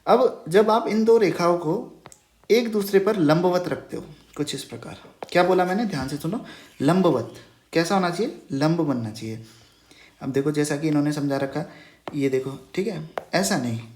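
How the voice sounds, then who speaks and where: A man's voice: on the high side, animated, normal speed, darkish tone. Roomy-sounding male teacher, patient. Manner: checks in with "ठीक है" after nearly every phrase; patient, repeats key terms as questions. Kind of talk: Hindi math lesson over a whiteboard. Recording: roomy echo.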